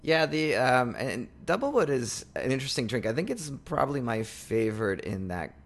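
A man co-hosts a podcast in a mid-range, sing-song voice at a moderate pace. The talk is a casual chat, and he rambles with plenty of fillers and restarts.

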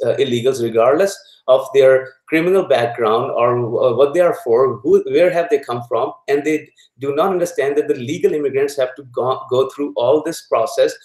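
A man from Pakistan, a guest in a political interview, speaking haltingly with many fillers and growing indignant. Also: mid-range voice, a little mellow, reverberant, rough recording.

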